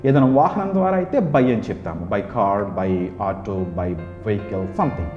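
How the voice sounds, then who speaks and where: A man with a Telugu accent teaching spoken English, drilling phrases in rapid rhythmic lists. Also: on the low side, big pitch swings. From India. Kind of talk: classroom English lesson. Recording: echoey room, dull sound, music behind.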